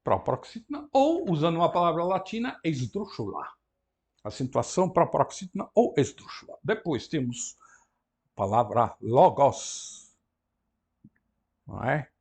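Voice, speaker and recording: A man with a European Portuguese accent teaching a Greek lesson, explaining patiently, often tagging his sentences with a question and repeating key words slowly. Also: on the high side, sing-song, a little mellow. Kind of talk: classroom lecture.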